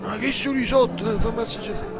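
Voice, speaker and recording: A man acts out a very high-voiced, exasperated head chef in a comic parody, tearing into the cooks with swearing in a thick Neapolitan accent. The sound is muffled and lo-fi, with loud music underneath. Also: fairly even intonation, a little fast. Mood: contemptuous. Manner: scolding, exasperated, heavy dialect and swearing. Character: furious, foul-mouthed, contemptuous male head chef. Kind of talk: comic parody dub of a kitchen show.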